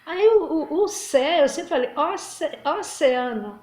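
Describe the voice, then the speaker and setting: A woman's voice: very high-pitched, animated, slow pace, mellow. Chatty woman teacher in an echoey room. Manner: chatty, repeats words and restarts often. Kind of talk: casual recorded lesson.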